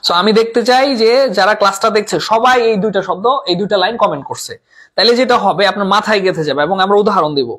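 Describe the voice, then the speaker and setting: A man's voice: high-pitched, fast, fairly bright tone, breathy edge. A man teaching a live online class, repeating terms, asking and answering his own questions, and mixing English words into his talk. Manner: reads out viewer comments.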